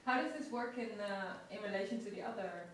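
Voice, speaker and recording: A woman examiner asking questions in a soft, hesitant way. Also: mid-range voice, fairly quick, very noisy. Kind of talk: exam questions. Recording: echoey room, mic from far off.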